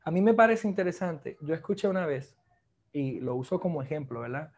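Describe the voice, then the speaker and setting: A man preaching a sermon, lively and joking with the congregation, mixing Spanish with English phrases. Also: fairly high pitch, fairly quick.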